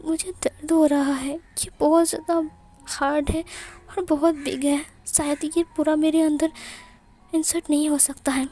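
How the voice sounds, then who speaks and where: A woman's voice: high-pitched, level tone, measured pace, warm tone. A woman voicing a frightened young man who stammers and pleads in a storybook reading. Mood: fearful.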